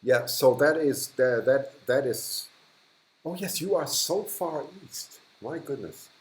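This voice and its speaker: A man with a German accent hosts a casual livestream, reading viewer comments and chatting with them, laughing often and letting sentences trail off. His mid-range voice is expressive and unhurried. The low-quality recording was made in an echoey room.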